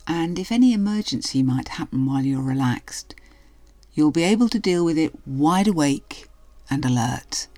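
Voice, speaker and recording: A woman hypnotherapist narrating a guided relaxation in a soothing, hushed delivery that trails softly toward a whisper. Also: deep voice, lively intonation, moderate pace. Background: music.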